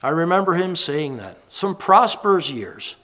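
Fifties male preacher, slightly high-pitched, thoughtful and reminiscent. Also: sing-song, moderate pace, fairly bright tone. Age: 50s. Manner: reflective, reminiscing storyteller. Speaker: minister. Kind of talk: sermon.

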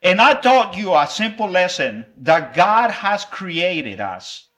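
Halting restarts break up the warm, playful delivery of this bright-voiced preacher as he gives children an object lesson in his sermon. His male voice sits high, and he is from El Salvador with Spanish as his first language.

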